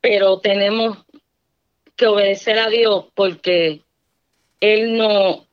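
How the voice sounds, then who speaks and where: A middle-aged woman speaks with fervent conviction as she gives a church testimony. Her voice sits at an ordinary pitch, and she keeps turning to her listeners as she talks. The recording sounds dull and lo-fi. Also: fairly even intonation, slow pace, clear, resonant tone. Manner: earnest, fervent, often adding "¿verdad?".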